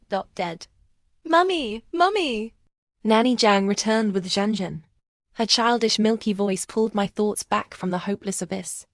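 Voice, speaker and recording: A woman reading a first-person story aloud in an even, subdued way. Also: mid-range voice, dry recording, studio quality. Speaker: narrator.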